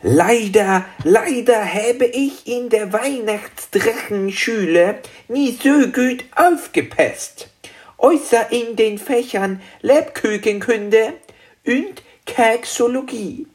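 A man voicing a small, excitable young male Christmas dragon in a high, drawn-out, eager voice. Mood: pondering. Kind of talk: audiobook character voice.

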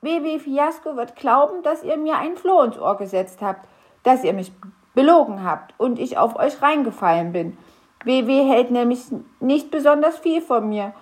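A woman's voice: high voice, lively intonation, normal speed, voice pushed up. A woman voicing a small, fretful male grump elf who stammers anxiously. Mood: worried.

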